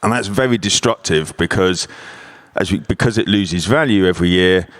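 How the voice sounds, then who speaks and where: A man on a conference panel, explaining in a measured, structured way. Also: deep voice, a bit bright. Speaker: panelist, investment adviser. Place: conference hall.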